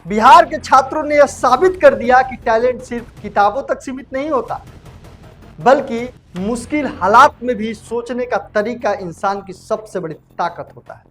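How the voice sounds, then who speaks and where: A man's voice: very high voice, moderate pace, fairly bright tone, faint music behind. A man hosting a casual online news report, talking chummily to viewers and calling them brother. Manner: chatty, addresses viewers as brother. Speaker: news anchor.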